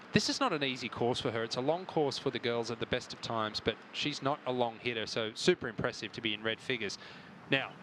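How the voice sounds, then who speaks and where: A man's voice: mid-range voice, noisy background. A man giving live television golf commentary as a commentator.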